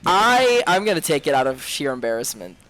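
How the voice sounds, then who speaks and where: A man's voice: on the high side, sing-song, a little fast, a bit bright, a little hiss or hum, low-quality recording. A man playing a tabletop game over a voice call, talking hesitantly with lots of fillers and restarts. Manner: hesitant, rambling with many "like" and "um". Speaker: player. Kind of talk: casual tabletop game play.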